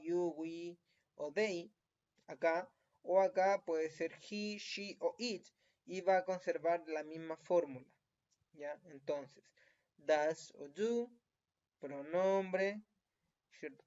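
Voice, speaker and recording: A man with a Chilean Spanish accent teaches a recorded lesson in a slightly high, darkish voice at a slow pace. He is patient and checks in with the listener after almost every point, often using tag questions, on a dull lo-fi recording.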